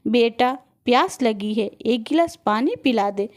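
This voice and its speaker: A woman voicing an elderly, patient mother who speaks calmly and softly in a storybook narration. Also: on the high side, unhurried. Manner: calm and soft-spoken.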